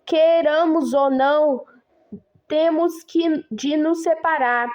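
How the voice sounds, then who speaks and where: A woman reading the words of a devout, tender old queen near death, in her own gentle voice. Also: high-pitched, steady tone, slow, muffled recording.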